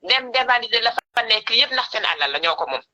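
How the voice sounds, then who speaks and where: A woman's voice: fairly high pitch, lively intonation, brisk, sharp tone. Senegalese woman calling in on speakerphone. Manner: insistent, repeats phrases for emphasis. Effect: phone call played over a speakerphone. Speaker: caller on a live stream. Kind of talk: impassioned political call-in.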